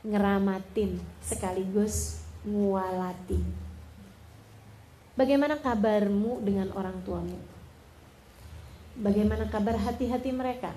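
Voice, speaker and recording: A woman preacher giving a sermon in a relaxed, colloquial storytelling way. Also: mid-range voice, a little hiss or hum. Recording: roomy with faint ambience.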